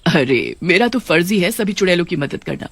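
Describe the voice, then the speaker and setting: Brief: gracious cartoon witch queen, a woman putting her on, calm and regal, dry recording. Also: lowish voice, brisk, no echo.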